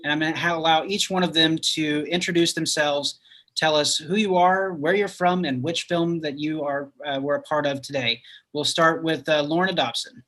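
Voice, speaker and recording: A man's voice: fairly high pitch, steady tone, moderate pace, a bit bright, poor audio. A man hosting a live online roundtable, welcoming guests in an upbeat way with some fillers over a video call. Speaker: festival host.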